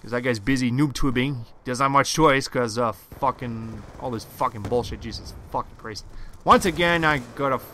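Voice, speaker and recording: Raging male gamer, sharp and forceful. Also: mid-range voice, moderate pace, slight background noise. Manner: raging gamer, exasperated outbursts, sarcastic, heavy swearing. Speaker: gamer commentator. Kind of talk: raging gameplay commentary, profane. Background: video game gunfire.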